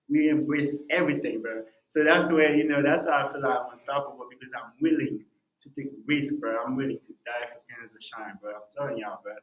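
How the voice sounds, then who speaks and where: A young man in a casual podcast interview tells his story with animation, dropping "bro" and "man" into almost every sentence. His voice sits in a middle register. It rings in a roomy, echoey space. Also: mid-range voice. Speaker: music artist guest. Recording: roomy echo.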